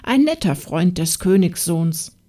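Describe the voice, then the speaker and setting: A woman's voice: fairly low pitch, very animated, unhurried, dark tone, far from the mic. A woman voicing a harsh, scornful farm wife in a fairy tale audiobook, scolding and mocking.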